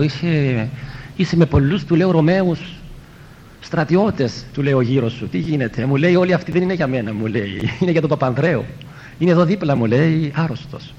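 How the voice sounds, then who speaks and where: A man, a priest, tells a story in a homily and acts out the people he quotes. His voice sits a little high for a man. The recording is muffled and lo-fi, with a faint rumble underneath. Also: darkish tone. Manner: retells a story, quoting others and repeating "he tells me".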